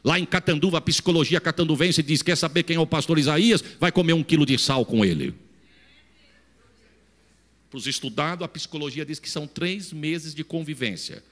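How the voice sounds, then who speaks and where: A male pastor preaching a folksy sermon, swinging between loud proclaiming and hushed storytelling. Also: fairly high pitch, moderate pace. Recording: long hall reverb.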